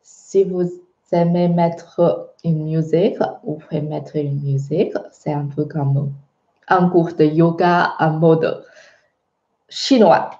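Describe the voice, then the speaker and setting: A woman's voice: deep voice, fairly even intonation, slow pace, mellow. A woman with a Chinese accent teaching a beginner language lesson, patient and checking in with her students often. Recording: muffled, echoey room.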